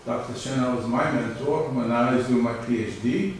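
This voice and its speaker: Lecturing in a relaxed way, this middle-aged New York-accented professor poses questions to his students and then answers them himself. He speaks at normal speed with a medium-pitched voice, recorded far from the mic in a very echoey space with slight hiss.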